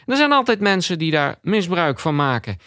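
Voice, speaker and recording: A jittery local radio presenter, as a man puts him on, pitched well above a normal speaking voice and with an odd, distant timbre. He hesitates constantly, stumbling through fillers and restarts as he pitches himself. The delivery stays awkward and halting throughout. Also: sing-song, a bit bright, no room sound, clean studio sound. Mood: awkward, nervous. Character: nervous small-town male radio host. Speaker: dating segment presenter.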